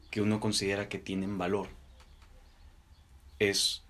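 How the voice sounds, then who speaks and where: A young man with a Mexican accent co-hosting a podcast, debating casually and deliberately in short, halting phrases. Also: fairly low pitch, fairly bright tone. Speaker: podcast co-host.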